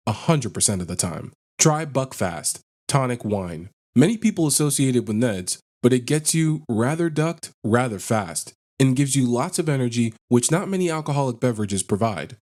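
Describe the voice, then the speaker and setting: A man's voice: mid-range voice, darkish tone. Man reading online posts aloud. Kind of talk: scripted narration.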